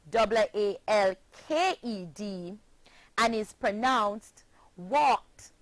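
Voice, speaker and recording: A woman's voice: medium pitch, dry recording, low-quality recording. A woman with a Jamaican accent teaching a phonics lesson, speaking in a careful, over-articulated and encouraging way. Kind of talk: slow, clearly paced phonics lesson.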